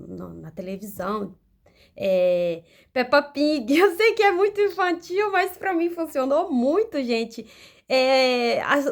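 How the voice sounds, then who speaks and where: Woman, Brazilian Portuguese accent, young adult, casual vlog, chatty, restarts, slightly high voice. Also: creaky. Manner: chatty, many restarts and fillers, addresses viewers as "gente". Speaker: language-learning vlogger.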